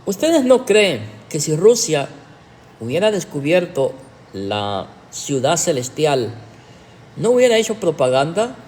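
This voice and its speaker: A man's voice: on the high side, very animated, measured pace, a little mellow, big-room sound. A man, a pastor, preaching a livestreamed teaching sermon in a sarcastic way, with emphatic rhetorical questions.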